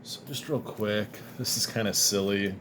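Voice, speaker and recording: A vlogger who collects comics talks at a moderate pace in a lowish voice, with a little hiss or hum in the audio. Relaxed and rambling, he shows off his comics and cards, chuckles now and then, and sounds slightly sniffly from the dust.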